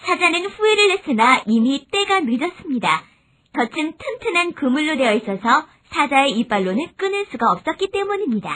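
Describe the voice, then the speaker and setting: A woman narrating children's fables in a lively, expressive storyteller manner. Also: sits high, a little fast.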